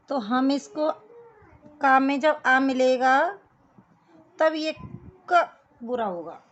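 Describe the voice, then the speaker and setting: Slow, high-voiced woman teaching children. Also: dull audio. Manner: patient, addresses kids as beta. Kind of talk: children's Hindi lesson.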